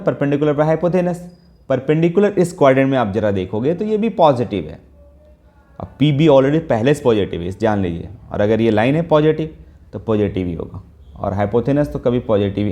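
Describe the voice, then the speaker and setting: A man's voice: mid-range voice, mellow. A man teaching trigonometry in Hindi, explaining step by step and often checking in with the students, mixing in English math terms. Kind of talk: Hindi math lesson with whiteboard.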